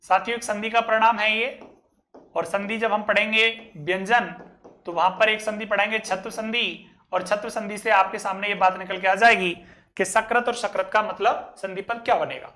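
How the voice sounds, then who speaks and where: A man teaching a grammar lesson, reciting a verse slowly and then explaining it word by word. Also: sits high, fairly even intonation, bright, forceful tone.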